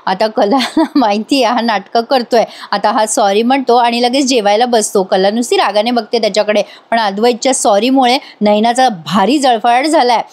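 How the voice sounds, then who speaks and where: A woman's voice: a little high, moderate pace, hardly any pauses, darkish tone. A woman narrating a casual, chatty recap of a TV serial episode as a voice-over, talking straight to viewers. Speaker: TV serial reviewer.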